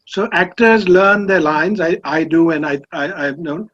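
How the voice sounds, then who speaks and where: Male director, high-pitched and earnest, heard through a dull video call line. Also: a little slow, a bit bright. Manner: earnest, explanatory, repeats words. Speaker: theatre director.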